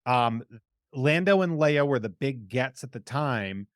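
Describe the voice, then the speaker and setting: A man's voice: medium pitch, animated, unhurried, clear, resonant tone, no room sound. Man with a Boston accent, very dry sound. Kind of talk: casual chat about collectible toys.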